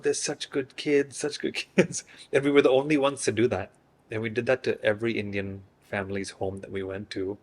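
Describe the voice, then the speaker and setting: Man, 30s, from Singapore; hesitant, easygoing interviewee, lowish voice. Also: a little hiss or hum. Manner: relaxed, hesitant, many fillers and restarts. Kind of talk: casual interview chat.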